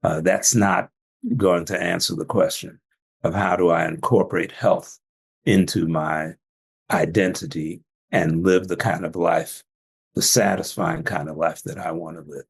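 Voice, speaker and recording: Low, gravelly-voiced older man. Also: fairly even intonation, measured pace. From Jamaican family, trained in Atlanta. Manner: storytelling, laughs often. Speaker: physician guest. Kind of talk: casual interview talk.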